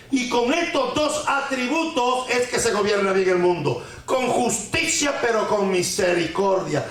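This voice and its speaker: A man's voice: very high-pitched, fairly bright tone. A man preaching on the weekly Torah portion, asking rhetorical questions, repeating phrases for emphasis and mixing in Hebrew terms and folk sayings. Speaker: Torah teacher. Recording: very echoey room.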